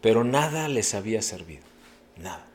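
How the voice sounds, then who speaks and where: A man's voice: on the low side, very animated, moderate pace. A middle-aged man preaching a sermon as a pastor, earnest and preacherly, with sudden emphatic rises.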